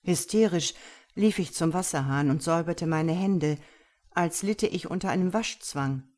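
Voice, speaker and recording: A woman narrates a story from a script in a calm, even manner. Her voice sits fairly low for a woman. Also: normal speed. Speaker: audiobook narrator.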